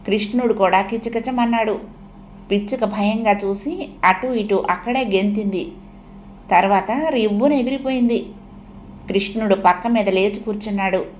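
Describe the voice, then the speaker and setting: A woman reading a story aloud in a gentle, unhurried storytelling manner. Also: medium pitch, a little hiss or hum. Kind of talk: audiobook story narration.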